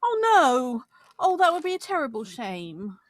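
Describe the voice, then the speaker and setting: A woman's voice: high voice, very animated, unhurried, dry recording. A woman reading the part of a chirpy, eager, slightly dim member of a village drama group. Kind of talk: amateur play reading. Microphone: video call.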